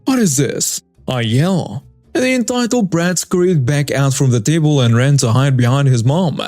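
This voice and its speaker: A man narrating a reader-submitted story in a steady, matter-of-fact way. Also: mid-range voice, normal speed, no echo, soft background music.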